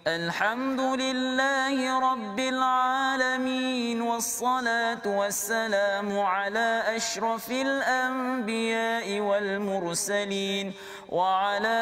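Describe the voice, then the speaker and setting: Guy leading a prayer, kinda high voice, flat and steady, soft music behind. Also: in a large hall. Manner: earnest pleading, repeats "ya Allah" refrains. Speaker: religious teacher.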